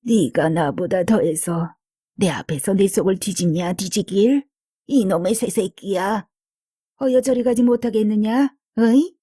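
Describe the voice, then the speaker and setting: Woman doing a foul mouthed old korean granny, husky and breathy, grumbly rustic talk, audiobook. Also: medium pitch, animated, slow, dark tone, no room sound, studio quality. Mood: angry scolding. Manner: foul-mouthed, muttering, scolding in rustic dialect.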